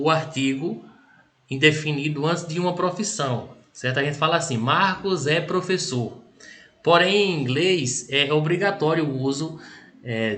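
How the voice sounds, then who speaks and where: Patient Brazilian teacher, slightly high voice. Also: male voice, bright, forceful tone. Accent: Brazilian Portuguese. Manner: patient explaining, with frequent check-ins; models English sentences slowly, then translates them. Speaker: English teacher. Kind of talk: recorded language lesson.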